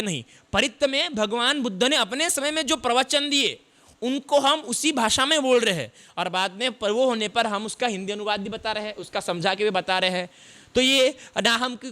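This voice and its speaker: This Buddhist monk's sermon comes in a very high, pushed, bright voice. He walks through word meanings one step at a time, asking his audience questions and then supplying the answers.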